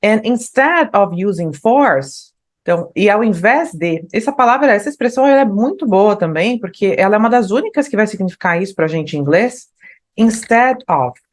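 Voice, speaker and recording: A woman's voice: mid-range voice, lively intonation. Brazilian woman teaching English. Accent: Brazilian Portuguese. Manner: explanatory, tags phrases with "né?"; slows down to read lyrics aloud. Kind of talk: online language lesson.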